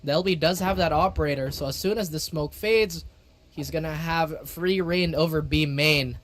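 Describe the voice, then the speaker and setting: A man casting an esports match with lively, theatrical play-by-play commentary. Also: on the high side, normal speed. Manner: excitable, theatrical phrasing. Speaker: esports caster.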